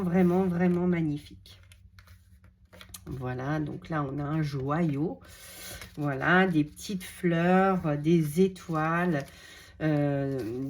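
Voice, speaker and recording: Femme française, enthousiaste et lente. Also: female voice, on the low side, darkish tone. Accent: French. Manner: gushing, repeats words, many fillers. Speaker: crafting vlogger showing a haul. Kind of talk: casual unboxing chat.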